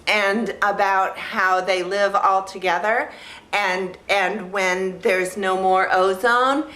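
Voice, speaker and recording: A woman with a bright, forward, mid-range voice speaks slowly in an echoey room, rambling casually to camera as a vlog host reviewing films. Her delivery is childlike and naive, in simple sentences. She's halting, often repeating a phrase while searching for the next word.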